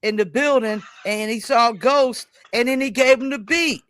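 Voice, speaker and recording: A man's voice: very high-pitched, normal speed, fairly bright tone. A man in his forties co-hosting a casual interview, asking questions in a laid-back way. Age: 40s. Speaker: podcast co-host.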